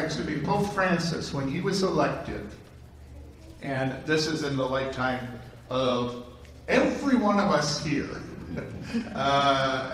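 An older Jesuit priest gives an animated conference lecture into a handheld mic, gesturing widely and using many ums, fillers and restarts. His voice is medium-pitched. The audience fills a large conference room, and a far camera captures echoey hall sound with slight background noise.

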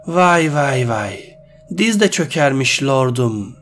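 A man's voice: mid-range voice, big pitch swings, takes it slowly, fairly bright tone, soft background music. A man voicing Silas, a mocking cruel sorcerer. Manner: mocking, coldly persuasive. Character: cruel scheming male sorcerer leader, adult. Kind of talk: storybook character voice.

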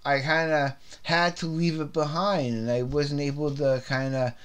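A slightly high male voice with little pitch movement, a somewhat slow pace and a clean, a bit bright tone. He's a Canadian who hosts his own CD review video series, casually reviewing an album off the cuff, rambling, repeating words and restarting sentences with a slightly scratchy throat.

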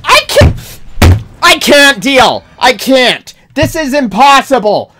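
Girl gamer losing it at her game, sweary ranting, high voice that swings all over. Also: very animated, slow pace. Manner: raging gamer, exasperated ranting and yelling. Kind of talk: gameplay commentary.

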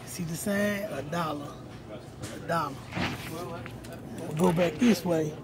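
High-voiced man filming a store walkthrough. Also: slow pace, over a noisy crowd. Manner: repetitive, pointing out prices to viewers. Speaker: vlogger. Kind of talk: casual shopping walkthrough. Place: large store aisle indoors. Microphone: phone held at arm's length. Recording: noisy store ambience.

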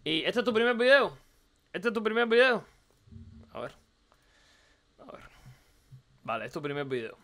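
A man with a Cuban Spanish accent, slightly hoarse, giving animated, teasing live-stream commentary on a viewer's video, repeating himself and throwing out questions. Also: high-pitched, normal speed, long pauses. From Cuba. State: hoarse from recording the night before.

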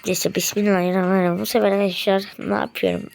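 A woman giving gameplay commentary to her viewers while opening rewards, quickly getting frustrated and excited. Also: medium pitch, gravelly, faint music behind. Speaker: mobile game streamer.

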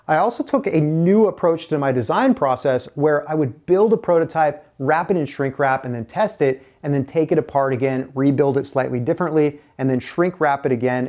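A man's voice: fairly high pitch, darkish tone. A middle-aged man hosting his own channel, giving an earnest scripted update to camera with a lapel mic in an indoor workshop. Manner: earnest, gestures with both hands while explaining. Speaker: kayak builder and channel host. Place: indoor workshop with a canoe and curtain.

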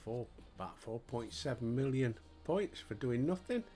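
Faint music plays behind an older Yorkshire-accented streamer as he plays a game, chatting casually to himself and his viewers through a headset mic at home. His mid-range voice is expressive and dark-toned, at a moderate pace.

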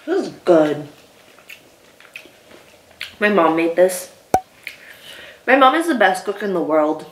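A young woman chatting casually as she eats on her video, pausing, her mouth burning from spicy food. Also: mid-range voice, big pitch swings, noisy background. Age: young adult. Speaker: mukbang video host. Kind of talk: casual chat while eating. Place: small room indoors. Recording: echoey room, distant camera mic.

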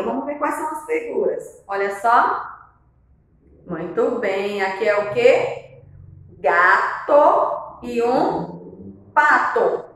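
Brazilian lady preschool teacher, highish sing-song voice talking to little kids, super echoey classroom. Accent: Brazilian Portuguese. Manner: sing-song, addressing small children with diminutives and questions. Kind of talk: children's video lesson. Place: indoor classroom, standing before a whiteboard. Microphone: camera a few metres away. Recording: very echoey classroom, distant mic.

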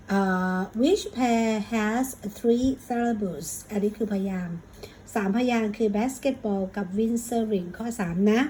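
A woman's voice: on the high side, mellow, slight background noise, low-quality recording. Thai woman teacher, patient exam prep. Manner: explains patiently, calls listener "child", reads English aloud slowly.

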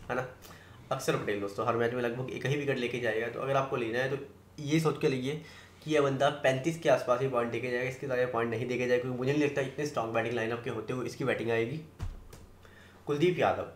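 A man giving fantasy cricket team tips in fast casual talk, confident, often checking in with his listeners. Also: medium pitch, echoey room. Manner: rapid, confident, keeps tagging "है ना" and "दोस्तों".

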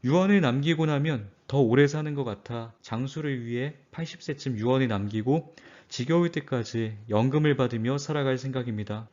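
A man narrating a scripted finance talk in a calm, measured and earnest way. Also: medium pitch, muffled recording. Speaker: finance channel host.

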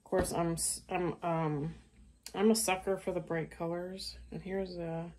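A woman's voice: on the low side, steady tone, measured pace, darkish tone. A middle-aged woman hosting a stitching vlog, chatting casually about her craft purchases with frequent ums and restarts. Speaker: craft channel host.

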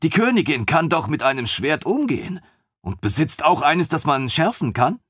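A man doing a gushing, excitable young lieutenant. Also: a little high, moderate pace, slightly rough, dry recording, studio quality, pitched above the performer's own voice, heavily acted. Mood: eager. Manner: excitable, pompous and naive. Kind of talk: audiobook character voice.

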